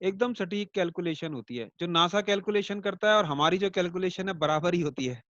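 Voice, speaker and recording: High-voiced male astrology teacher, chatty. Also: moderate pace, a bit bright, no room sound, dull audio. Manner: conversational, with rhetorical check-ins to students; explains by everyday comparisons and light jokes. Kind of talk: online lecture class.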